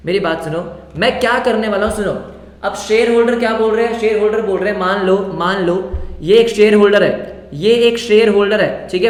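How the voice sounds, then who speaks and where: Coaxing male teacher in an echoey classroom. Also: high voice. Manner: coaxing, repeats phrases, urges quick answers. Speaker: accounts teacher. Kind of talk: live class lecture. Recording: echoey hall.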